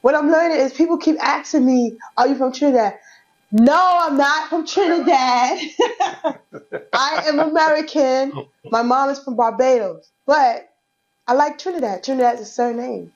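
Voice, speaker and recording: In a casual interview chat, a young female comedian from Brooklyn, New York, talks frankly and streetwise as a guest, laughing often. Her voice sits high and moves at a moderate pace. The audio is dull and lo-fi.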